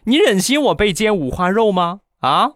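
A put-upon husband pleads in a high, whiny voice, as a man puts him on. His pitch rises and falls a lot. The sound is dry and close. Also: sing-song, normal speed, fairly bright tone, no echo. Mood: pleading.

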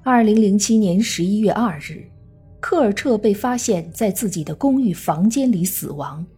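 A woman true crime narrator reading a scripted case story in a measured storytelling manner. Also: medium pitch, lively intonation, dark tone, breathy edge. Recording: faint music under the voice. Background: faint background music.

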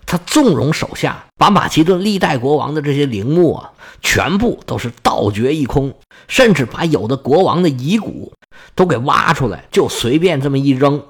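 A man tells ancient history in a relaxed, chatty way, and his voice rises and falls a lot. He sits a bit high for a man and throws in joking asides. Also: moderate pace, breathy edge. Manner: lively, colloquial, joking asides. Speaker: history storyteller. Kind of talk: casual history storytelling.

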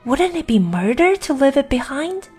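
A woman's voice: high voice, big pitch swings, moderate pace, darkish tone, soft background music, pitched above the performer's own voice. A woman voicing an earnest, fretful young girl in a read-aloud story. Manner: eager, fretful.

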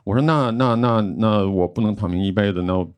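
A young man, a podcast co-host, telling a personal story in casual chat, animated and acting out quoted dialogue. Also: lowish voice, brisk, smooth.

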